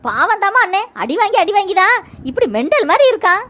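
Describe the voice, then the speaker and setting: A woman's voice: extremely high pitch, big pitch swings, fast, pushed and bright, exaggerated voice. A woman playing a tattling young sister-in-law. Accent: Kanyakumari Tamil. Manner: tattling, mocking.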